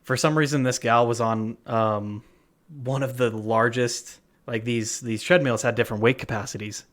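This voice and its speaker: A man's voice: mid-range voice, steady tone, moderate pace, a bit bright. A man co-hosting a podcast, telling a story in casual chat, full of fillers and restarts. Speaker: podcast co-host. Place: worked at a gym front desk.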